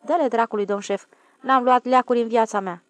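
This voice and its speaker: A woman's voice: on the high side, dry recording, close to an everyday voice. A woman voicing a blunt, plain-spoken rustic railway switchman in an audiobook. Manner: blunt, plain-spoken, deferential to his boss. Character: gruff rustic middle-aged male railway switchman. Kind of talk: audiobook character voice.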